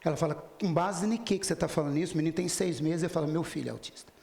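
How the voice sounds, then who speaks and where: A man with a somewhat high, gravelly voice delivers a spiritist lecture as a story. He slips into the quoted lines of the people in it and turns to address the audience directly. The sound carries the echo of a hall. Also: rapid-fire, darkish tone. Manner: retells dialogues in quoted voices, speaks directly to listeners. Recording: echoey hall.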